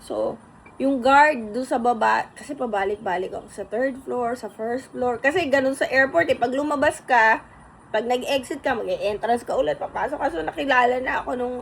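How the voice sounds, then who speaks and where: A middle-aged woman tells a personal story, halting and near tears, full of fillers and restarts. Her fairly high voice has a gravelly edge. A faint hiss of background noise sits under the recording. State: tearful. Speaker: vlogger telling a personal story.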